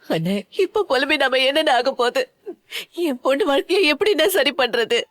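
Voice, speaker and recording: This is a distraught middle-aged mother from a dubbed TV serial, voiced by a woman. She pleads and wails through her tears in a high voice. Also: animated, normal speed, a bit bright. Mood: tearful. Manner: tearful, pleading, wailing.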